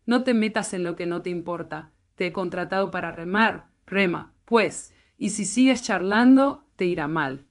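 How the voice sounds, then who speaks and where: A hard-edged male dockside thief, read by a woman narrator, snapping out short, threatening commands. The voice stays close to an everyday reading voice at a middle pitch. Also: takes it slowly. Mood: menacing.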